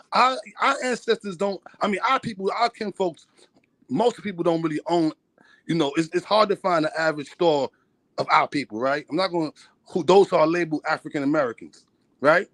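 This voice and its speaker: A man's voice: sits high, a little fast, a bit bright, no room sound. A man in a heated debate, insistent and talking over the others.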